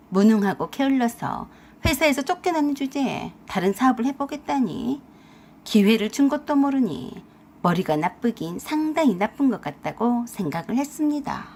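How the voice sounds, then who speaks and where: A woman narrating a family story in first person, in a sharp, sardonic storytelling manner. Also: fairly high pitch, animated, normal speed.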